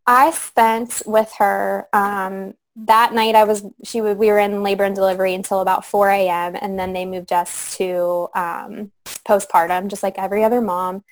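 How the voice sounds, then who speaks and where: A young woman guest on a podcast interview, speaking softly and reflectively with frequent pauses and fillers. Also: medium pitch, flat delivery, low-quality recording. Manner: soft, reflective, many fillers. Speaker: guest sharing her story. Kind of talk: conversational interview.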